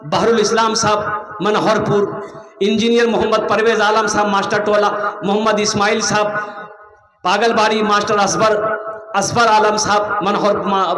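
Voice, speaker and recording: High-voiced preacher, echoey PA. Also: male voice. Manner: animated, jokes, rhythmic repeated calls. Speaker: Islamic preacher raising funds at a gathering. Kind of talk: open-air sermon and fundraising appeal. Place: large outdoor religious gathering. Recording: echoey public-address sound.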